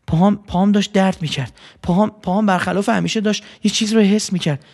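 A man tells a first-person story gently, often repeating words for effect. His voice sits a little high and has a gravelly grain. A long hall reverb trails behind it. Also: fairly even intonation.

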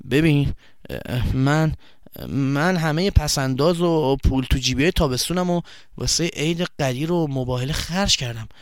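A man's voice: on the high side, no echo, studio quality, lightly acted. A man voicing a shy, earnest boy who explains himself in a bashful way.

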